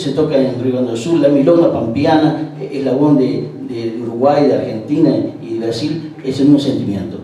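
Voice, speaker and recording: A man's voice: fairly high pitch, warm tone. Man telling stories in an echoey hall. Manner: anecdotal, acts out quoted dialogue, many hesitations. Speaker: guest speaker at a tango event. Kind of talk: storytelling talk to an audience. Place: event hall. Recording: distant, very echoey hall, faint background noise.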